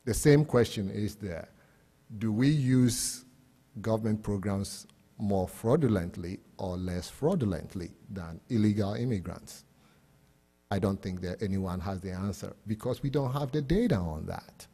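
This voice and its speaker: Speaking on a panel as an academic, a man from Ghana explains things in a plain-spoken way, with a Ghanaian accent and rhetorical questions. His lowish voice is dark, husky, and animated, at a measured pace. Long reverb fills the echoey hall.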